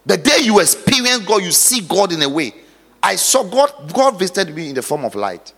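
A male pastor preaching dramatically, moving from hushed storytelling to loud exhortation. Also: high-pitched, sing-song, normal speed, creaky. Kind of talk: sermon. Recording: long hall reverb.

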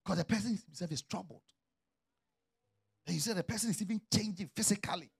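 A middle-aged man preaching a sermon as a pastor, swinging from quiet, low asides to loud shouted calls. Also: brisk, creaky, breathy edge.

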